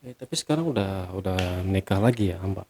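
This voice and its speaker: Guy hosting, mellow voice, asks quick casual follow-ups. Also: low-pitched, gravelly. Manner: short relaxed follow-up questions. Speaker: host. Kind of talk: casual interview chat.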